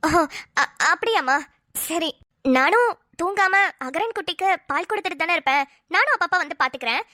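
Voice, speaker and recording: A woman's voice: extremely high pitch, animated, brisk, pushed and bright, dry recording, clean studio sound, full character voice. A woman voicing a scheming young wife who sweet-talks the family and mutters her plots to herself.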